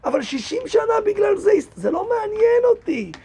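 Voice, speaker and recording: A man, a rabbi, teaching a lively Torah lesson in a synagogue, reading verses aloud and firing rhetorical questions at his listeners. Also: very high-pitched, gravelly.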